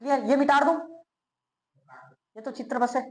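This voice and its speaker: A male physics teacher giving a classroom lecture. He keeps asking quick checking questions and answers them himself, and he repeats key terms slowly. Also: extremely high pitch, steady tone. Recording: roomy echo, as if in a bare classroom.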